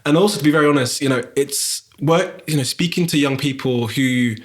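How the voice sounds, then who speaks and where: This English guest on a podcast is a graphic designer in his thirties with a South London accent. His mid-range voice moves fairly quickly as he reflects aloud, full of fillers and restarts.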